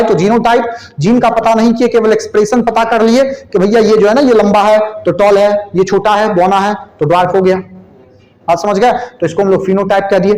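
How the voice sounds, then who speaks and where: A male biology teacher giving a classroom lecture. He spells out terms slowly as he writes and keeps asking the class questions. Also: very high voice, a little mellow, echoey room, rough recording. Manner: repeats terms slowly while writing, asks questions to the class.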